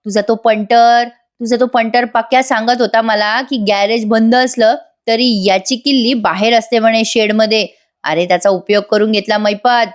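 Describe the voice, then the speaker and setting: A woman voicing a scheming male kidnapper who mocks his captive with drawn-out taunts. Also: on the high side, fairly even intonation, close to an everyday voice. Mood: taunting.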